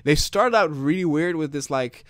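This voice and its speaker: A man's voice: fairly high pitch, expressive, normal speed, dry recording, studio quality. A man co-hosting a gaming podcast in casual chat, rambling and repeating words as he thinks. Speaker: podcast co-host.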